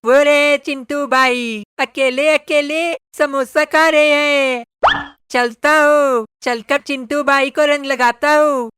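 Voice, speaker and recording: A man voicing cartoon kids, talking in an excited, exclamatory way. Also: extremely high pitch, slow. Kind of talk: cartoon voice acting. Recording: music playing behind.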